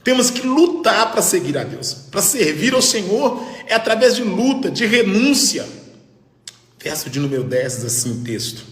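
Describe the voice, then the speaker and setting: A man preaching a fervent Pentecostal sermon as pastor, rising to shouts and breaking into tongues. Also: high voice, roomy sound, in a large hall.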